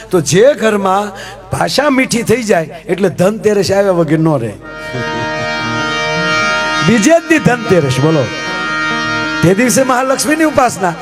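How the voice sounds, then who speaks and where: Kathiawadi guy telling funny devotional stories on stage, high-ish voice, soft music under him. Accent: Kathiawadi Gujarati. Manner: animated, keeps calling out to the audience. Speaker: folk storyteller on stage. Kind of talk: humorous devotional storytelling for a live audience.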